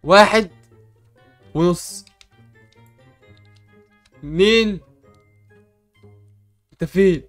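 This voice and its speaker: A man's voice: high voice, extremely slow, long pauses, fairly bright tone, soft background music. A young man with an Egyptian Arabic accent, hosting an improvised game role-play with comic panic and bluster.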